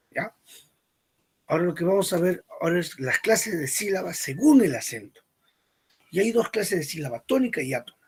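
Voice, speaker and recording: Man, teacher, husky voice, repeats key points, checks understanding, fairly high pitch. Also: darkish tone. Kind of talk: spoken language lesson.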